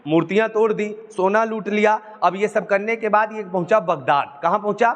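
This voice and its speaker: A man's voice: high-pitched, normal speed, long reverb tail, crowd noise. A male teacher telling history as a story, asking the class questions and answering them himself. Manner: storytelling with call-and-response questions.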